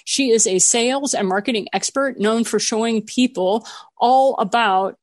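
A woman's voice: a little high, normal speed, no echo. Woman interview host, velvet voice, soothing, radio-trained delivery, dry sound. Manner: long-time radio presenter's delivery. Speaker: podcast host. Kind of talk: hosting an interview show.

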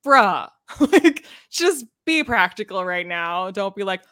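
On her book podcast, this co-host talks in a casual, slangy way, performing snippets of dialogue while retelling stories. Her medium-pitched voice swings widely in pitch, moves slowly, and sounds bright and forceful. The studio-quality audio has no room sound.

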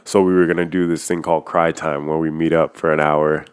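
Casual podcast guy, very deep voice, rambling and open, swears freely. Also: little pitch movement, a little fast, clean tone. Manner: loose and candid, heavy use of "like", swears freely. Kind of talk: casual personal chat.

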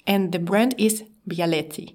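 Halting woman podcast co-host, non-native accent. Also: fairly low pitch, a little mellow. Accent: non-native English. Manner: halting, searching for words. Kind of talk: casual podcast talk, explanatory.

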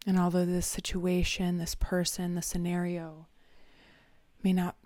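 A woman leads a guided meditation in a hushed, half-whispered voice, lingering through long pauses. Her tone is low and mellow and stays almost level from phrase to phrase. The sound is close and dry, with no room around it. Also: completely flat delivery, no room sound.

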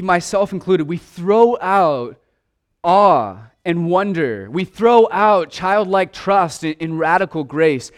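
A man preaching a sermon in an earnest way, stumbling over restarts and at times dropping to a hushed voice. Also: on the high side. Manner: earnest preaching with repeated restarts, dropping to a hush for quiet asides. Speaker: pastor.

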